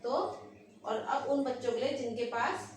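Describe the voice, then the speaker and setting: A woman teacher giving an online lesson to small children, explaining slowly and step by step and stressing sounds when she demonstrates them. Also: on the high side, fairly even intonation. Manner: slow, careful, explains step by step. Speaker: nursery Hindi teacher. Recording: echoey room, recorded from a distance, with noise.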